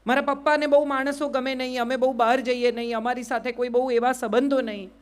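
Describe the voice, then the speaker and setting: A woman's voice: high voice, little pitch movement, fast, clean tone. A middle-aged woman with a Gujarati accent gives a motivational speech to a live audience. She keeps asking the crowd rhetorical questions and repeats "yes or no". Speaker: public speaker.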